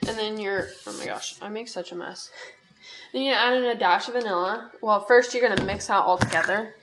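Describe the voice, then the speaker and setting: A woman's voice: medium pitch, a little fast, heavy background noise. A young woman casually talking through a recipe in her home kitchen, rambling and poking fun at herself. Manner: rambling, chatty, self-deprecating. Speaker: podcast host. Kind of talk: casual cooking talk.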